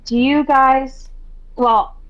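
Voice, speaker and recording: A high-voiced woman calls in and asks her question slowly and haltingly, with many ums. Her mic sounds dull and lo-fi. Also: steady tone. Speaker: caller. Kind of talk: casual online Q&A.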